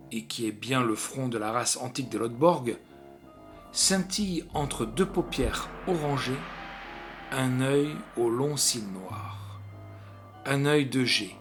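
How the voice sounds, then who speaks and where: A man with a mid-range voice narrates a literary short story expressively and theatrically, phrasing each line deliberately.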